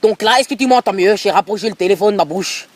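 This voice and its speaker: A man's voice: sits high, quick pace, no echo. A man playing a pushy, rambling middle-aged football coach with an Alsatian accent in a prank phone call. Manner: pushy, rambling, repeats filler tags. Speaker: prank caller. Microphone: phone held close to mouth.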